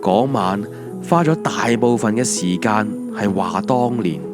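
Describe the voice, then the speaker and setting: A man with a Hong Kong accent and a lowish voice, speaking a little slowly, narrates his scripted autobiographical audio drama with reflective, wry storytelling as music plays underneath.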